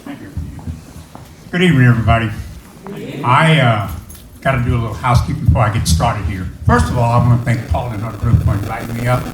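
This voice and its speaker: A man's voice: mid-range voice, quick pace, distant mic, background noise. An older man from Arkansas, speaking plainly and folksily as a Senate candidate giving a campaign speech at a community rally. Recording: echoey hall, crowd behind.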